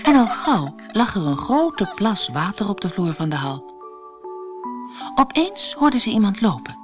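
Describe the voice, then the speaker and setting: A woman from the Netherlands reading a children's storybook aloud with lively, expressive narration over soft music. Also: mid-range voice, measured pace.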